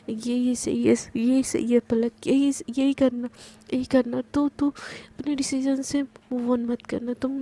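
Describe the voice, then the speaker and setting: A woman's voice: sits high, dark tone. Palak, a bitter young woman talking to herself, voiced by a woman. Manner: muttering to herself.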